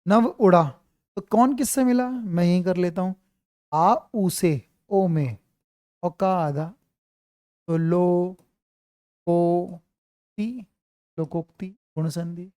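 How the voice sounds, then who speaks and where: A man's voice: high-pitched, slow pace, long pauses, darkish tone, dry recording, studio quality. A man teaching an online grammar class, quizzing his students and repeating his questions.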